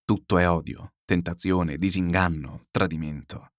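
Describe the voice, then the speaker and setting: A man voicing a calm, pious older man who admonishes gently, slow and grave. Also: sits low, dry recording, studio quality, voice pushed down. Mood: grave gentle. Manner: slow, grave, quietly reproachful.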